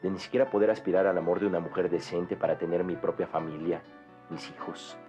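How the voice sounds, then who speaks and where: An actor playing a proud, bitter orphaned young man in a 1990s Mexican telenovela, speaking gravely with a Mexican Spanish accent. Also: low-pitched, steady tone, warm tone, soft background music, lightly acted. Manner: grave, bitter, measured delivery. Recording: dull lo-fi TV audio, faint score.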